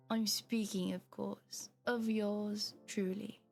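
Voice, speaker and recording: A woman voicing a smug, flirtatious gentleman patron in a put-on British accent, reading his letter aloud from a game. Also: mid-range voice, gravelly.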